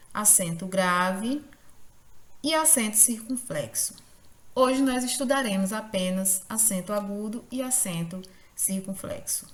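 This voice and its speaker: Female teacher, deliberate, stresses syllables, unhurried, echoey room sound. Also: medium pitch. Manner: slow, careful, stresses syllables. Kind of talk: grammar lesson.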